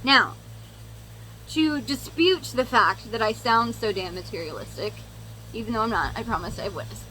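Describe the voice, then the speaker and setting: A woman's voice: on the high side, expressive, normal speed, sharp tone, slight background noise, low-quality recording. A young woman chatting casually to viewers and telling a story as she does her makeup, candid and sweary with sarcastic asides. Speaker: makeup vlogger.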